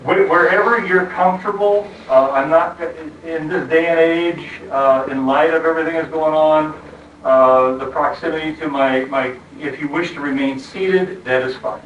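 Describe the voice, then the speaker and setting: An American man speaks as a judge through a face mask in a very echoey room, picked up from a distance. His voice is a little high for a man, and his formal address is halting, full of pauses and repeated words. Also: fairly bright tone, lo-fi sound. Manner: halting, frequent long hesitations and repeated words. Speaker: judge presiding over a court hearing. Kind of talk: formal courtroom address from the bench, partly informal. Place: courtroom. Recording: echoey courtroom, distant mic, faint noise.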